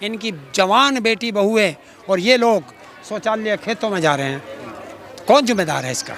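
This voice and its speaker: There's vocal fry in this man's high-pitched, fairly bright voice, which moves at a moderate pace. He's a middle-aged farmer activist from Uttar Pradesh, India, sparring sarcastically through rhetorical challenges in an outdoor street interview. A faint crowd sits behind him.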